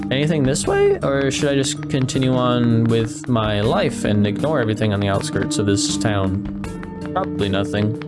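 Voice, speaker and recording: A gamer commenting casually and emotionally while playing, talking to the characters and rambling along. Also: medium pitch. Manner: emotional, talks to the game characters; chatty and rambling. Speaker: let's play gamer.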